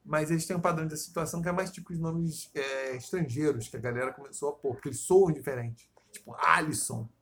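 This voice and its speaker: A man's voice: on the high side, fast, hardly any pauses, fairly bright tone. A Brazilian man co-hosting a casual podcast, rambling, swearing freely and drifting into talk about poetic meter. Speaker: podcast co-host. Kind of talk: casual chat.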